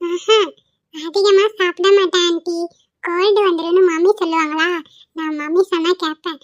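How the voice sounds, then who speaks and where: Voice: very high-pitched, level tone, normal speed, no room sound, lo-fi sound. A voice actor playing a sweet, clever little boy in a cartoon, chirpy, cheeky and polite. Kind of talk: amateur cartoon voice acting.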